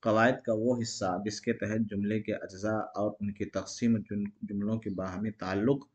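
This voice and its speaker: A man's voice: fairly low pitch, flat delivery, moderate pace, dull audio. A man teaching an exam-prep grammar lesson, asking each question aloud and answering it himself in a repetitive call-and-response way.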